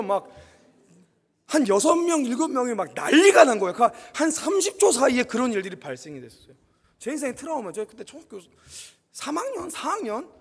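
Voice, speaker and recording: A man preaching a sermon in a church, telling a personal story in an animated way and speaking straight to the congregation. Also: high voice, slightly rough, big-room sound. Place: church sanctuary.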